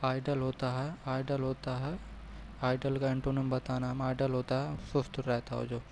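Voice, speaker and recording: A man working through a mock exam aloud, repeating each option and reading English sentences slowly before explaining in Hindi. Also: mid-range voice, completely flat delivery, vocal fry, darkish tone, slight background noise, rough recording. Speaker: exam prep tutor. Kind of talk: solving a mock test aloud.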